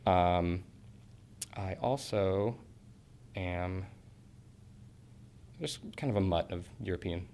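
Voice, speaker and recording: This young Portland, Oregon man in his twenties has a low, darkish voice and a slow pace broken by frequent pauses, over a faint hiss or hum. He's answering interview questions casually, earnestly discussing acting school while rambling, using fillers and starting over.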